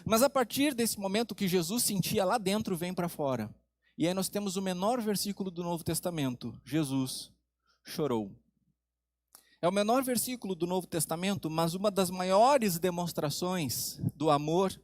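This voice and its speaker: Male pastor, high-pitched, dry close-miked delivery; dramatic pauses, soft low emphasis, rhetorical questions. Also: animated, no room sound. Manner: asks the congregation questions. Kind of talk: sermon.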